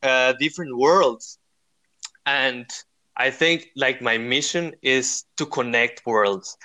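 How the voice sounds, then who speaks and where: A man's voice: mid-range voice, takes it slowly, pushed and bright. A young man from Rica, answering interview questions in an earnest, searching way, full of fillers and restarts. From Costa Rica. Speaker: guest. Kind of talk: interview conversation.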